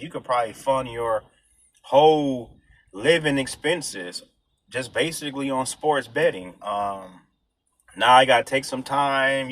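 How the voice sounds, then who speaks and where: A man from the United States rambling casually in slangy street talk, halting often as he thinks out loud. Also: mid-range voice. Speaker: vlogger.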